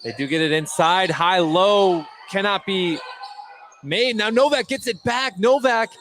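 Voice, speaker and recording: Here the announcer's voice sits high and moves at a measured pace as he delivers live radio play-by-play of a basketball game, shouting when big plays happen. Behind him you can hear the gym, with balls bouncing.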